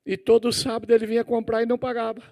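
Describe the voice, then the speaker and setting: A middle-aged Brazilian man preaches in a church, his voice sitting notably high. He tells stories with animated sound effects. He turns often to question the congregation directly. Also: racing, gravelly. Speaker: pastor. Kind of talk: sermon with personal storytelling.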